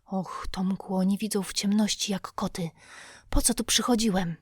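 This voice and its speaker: A woman voicing a terrified, superstitious boy in an audiobook, speaking in a breathy, quavering whisper. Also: medium pitch, moderate pace, no room sound, studio quality, close to an everyday voice. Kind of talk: audiobook character voice.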